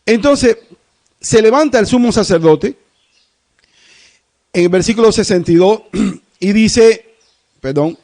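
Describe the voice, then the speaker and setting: A Cuban pastor preaching a sermon in an emphatic, rhetorical way, slowing and speeding up to stress points. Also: male voice, high-pitched, lively intonation, darkish tone. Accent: Cuban Spanish. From Cuba. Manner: emphatic, rhetorical, shifting pace.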